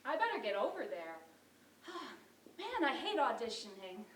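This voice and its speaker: Playing a struggling actress who is wry and fed up, a woman tells her tale in a dramatic monologue with heavy emphasis. Her pitch sits fairly high and swings widely, and she keeps a measured pace, picked up by a roomy, far-off mic with slight noise.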